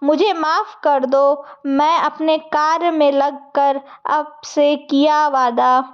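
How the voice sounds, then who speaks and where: Woman narrator giving voice to a humble young bride, storybook tale, high, very slow. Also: steady tone, lo-fi sound. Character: gentle, devout young daughter-in-law.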